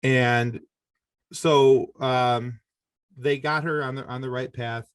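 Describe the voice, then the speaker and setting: Speaking at medium pitch in a steady, smooth tone, a middle-aged man tells a personal story as a podcast guest, with no echo on the recording. He talks in a halting, conversational way, frequently correcting himself.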